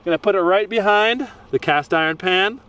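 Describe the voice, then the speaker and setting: A man hosting a gadget test vlog outdoors, talking with loud enthusiasm and frequent exclamations. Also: high-pitched, normal speed. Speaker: YouTube gadget test host. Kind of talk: excited outdoor experiment vlog. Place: outdoors at a shooting range. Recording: noisy outdoor recording.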